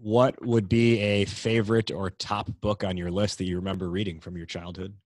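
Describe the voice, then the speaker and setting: A man's voice: low-pitched, flat delivery, moderate pace, dry recording. A man hosting a podcast interview in a conversational style, introducing his guest and putting questions.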